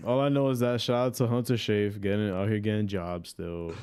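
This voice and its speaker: A man's voice: fairly low pitch, fairly even intonation, brisk, darkish tone, clear, resonant tone. A man co-hosting a casual podcast who talks in slang and keeps saying "bro.". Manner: slangy, says "bro" a lot. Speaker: podcast co-host. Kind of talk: casual chat.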